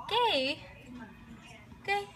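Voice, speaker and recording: Woman starting a toy video, slow and rambly, really high voice. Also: lively intonation, bright, forceful tone, soft background music. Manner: rambling, filler-heavy. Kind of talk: casual intro to a toy skit.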